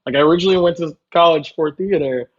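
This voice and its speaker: A man with a fairly high voice talks quickly and casually as a guest chef, spinning stories in a jokey, self-deprecating manner. The highs in the audio are cut off.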